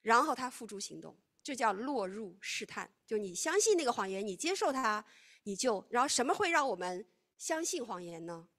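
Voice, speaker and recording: A woman preaching a sermon, teaching in an animated way that swings between loud, emphatic stretches and hushed, quiet ones. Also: a little high, moderate pace.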